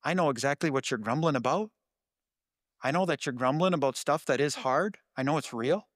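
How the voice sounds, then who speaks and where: A man preaching a sermon in an earnest, conversational way, his voice sometimes jumping up with excitement. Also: on the high side, a little fast, dry recording, clean studio sound. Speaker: pastor.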